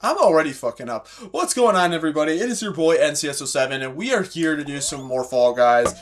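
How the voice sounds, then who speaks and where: A man streaming a game, chatting casually, rambling and correcting himself, swearing often and getting excited. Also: fairly high pitch, fast. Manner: excitable, bursts into laughter. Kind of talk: casual gameplay commentary.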